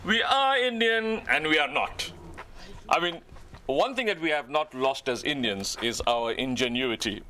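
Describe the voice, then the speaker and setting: A man's voice: on the high side, lively intonation, a little slow, bright, forceful tone. An actor playing a jovial man who keeps joking and teasing. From South Africa. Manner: joking, teasing, laughs often. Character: jovial South African Indian man, joking fixer.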